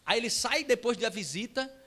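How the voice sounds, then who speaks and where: Male pastor, high-voiced, animated comic storyteller in the pulpit. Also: normal speed, a little hiss or hum. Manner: animated, humorous, acts out scenes. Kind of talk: sermon storytelling. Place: church.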